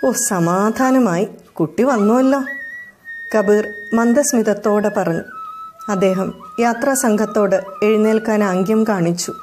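A woman storyteller reading a scripted devotional story in a calm, even manner. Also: medium pitch. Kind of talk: scripted narration.

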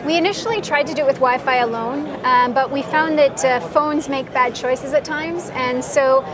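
A middle-aged woman with a fairly high voice explains her work in a measured, steady way, pausing on ums between points. She sits in a trade show booth, and the busy hall's crowd chatter carries behind her. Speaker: mall IT director, guest. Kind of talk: conversational interview.

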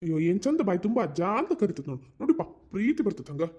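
An actor playing a gentle, fast-talking grandfather. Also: high voice, very animated, breathy edge, highs cut off, exaggerated voice. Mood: indulgent. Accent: North Karnataka Kannada. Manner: soothing, indulgent. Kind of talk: cartoon voice acting.

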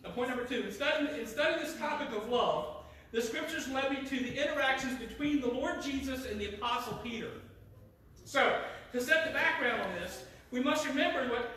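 High-voiced man preaching in an echoey church. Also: bright, forceful tone, slight background noise. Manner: reads scripture aloud, dropping low and slow at solemn lines. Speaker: pastor. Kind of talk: sermon. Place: church sanctuary. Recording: echoey church sanctuary, mic at a distance.

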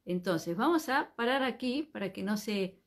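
A woman's voice: medium pitch, lively intonation, moderate pace. A woman teaching a live online Hebrew class, speaking patiently and spelling each word out letter by letter.

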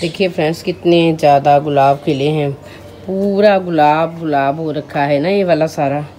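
Over music, a woman in her thirties with a sore throat narrates a casual home vlog, filming the kitchen and rooms on a handheld phone. Her voice sits low, with fairly even intonation and a slightly slow pace. A mother and vlogger, she chats with viewers as if they were friends.

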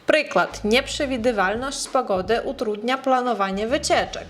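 A woman teaching an online language lesson, chatty and encouraging, slowing down to carefully over-enunciate hard words. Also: on the high side.

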